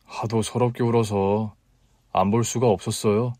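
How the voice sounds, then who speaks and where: A man playing a calm, persistent young man. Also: on the low side, normal speed, no echo, studio quality, close to an everyday voice. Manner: calm, matter-of-fact replies. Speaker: story reader.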